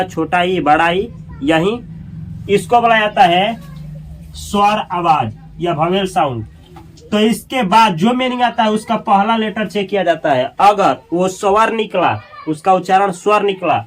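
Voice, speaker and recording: A male teacher giving a classroom-style grammar lesson, repeating and drilling sounds aloud. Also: sits high.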